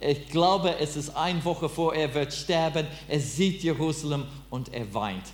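A man whose first language is English, preaching in halting, broken German and quizzing his listeners. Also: fairly high pitch. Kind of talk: interactive sermon. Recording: roomy with mains hum.

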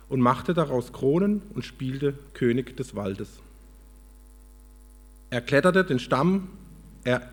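Brief: earnest male preacher, calm storyteller, medium pitch, a slightly husky voice. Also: in a large hall. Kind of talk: storytelling sermon.

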